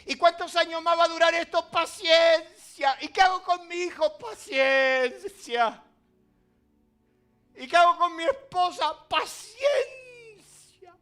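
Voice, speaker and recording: Argentine male pastor, high bright voice, dramatic sermon delivery with soft music beneath. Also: flat delivery, fairly quick, hardly any pauses. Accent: Argentine Spanish. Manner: dramatic, swings from loud emphasis to quiet asides.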